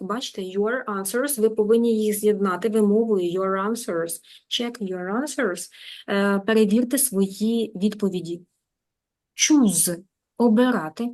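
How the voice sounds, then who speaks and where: Woman, English teacher, Ukrainian accent, lively, coaxing, drills pronunciation. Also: medium pitch. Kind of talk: live online lesson.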